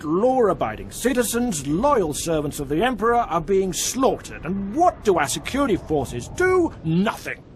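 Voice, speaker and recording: A high-pitched outraged citizen. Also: male voice, slight background noise. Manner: agitated, outraged, ranting. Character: indignant male citizen demanding justice.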